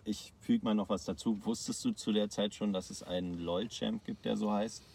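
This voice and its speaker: Deep gravelly podcast host. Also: male voice, normal speed. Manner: relaxed, slangy, reads out listener questions. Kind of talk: casual interview chat.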